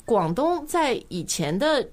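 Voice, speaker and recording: A woman from Shanghai hosting a bilingual language-lesson podcast, chatty and quick to laugh as she switches between two languages. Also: on the high side, sing-song, darkish tone. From Shanghai, China. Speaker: podcast host, English teacher.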